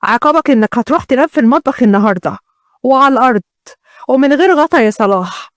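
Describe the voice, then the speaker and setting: A woman's voice: sits high, animated, very fast, no room sound, studio quality. A woman with an Egyptian accent voicing a jealous, domineering first wife who threatens and commands. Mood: cruel. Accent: Egyptian Arabic.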